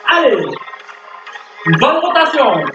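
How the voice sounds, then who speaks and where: A high-voiced man works as a fitness coach leading a workout. He calls out commands and counts energetically, gym-coach style. The sound is echoey and a little dull, with music underneath. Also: sing-song, takes it slowly, background noise. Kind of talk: workout instruction to camera. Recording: roomy echo, dull sound, music behind.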